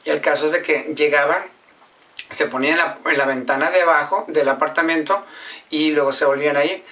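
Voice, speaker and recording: A woman's voice: low voice, fairly quick, a bit bright, recorded from a distance. A woman casually telling a personal story, repeating herself and acting out what others said. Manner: repetitive, acts out quoted speech and sounds. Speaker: vlogger.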